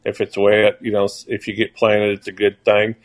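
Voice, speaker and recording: A man in his sixties with an Arkansas accent, a farmer giving a casual, halting, plain-spoken interview as a guest. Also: lowish voice, completely flat delivery. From Arkansas, United States. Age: 60s.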